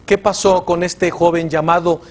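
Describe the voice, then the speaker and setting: A man with a Mexican Spanish accent, a preacher hosting a religious TV show, telling a testimony with fervor and swinging between loud and hushed. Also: sits high, flat delivery, moderate pace. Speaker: preacher and TV host.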